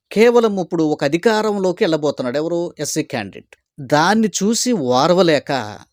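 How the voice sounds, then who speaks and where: A man, a pastor delivering an argumentative commentary in quick bursts of rhetorical questions. His voice sits fairly high, and the recording is dry and close with no room sound. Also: a little mellow, no echo. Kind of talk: opinion commentary to camera.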